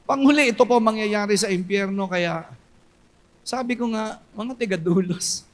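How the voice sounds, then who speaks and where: A man preaching a sermon as pastor, swinging between loud cries and low hushed storytelling. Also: normal speed.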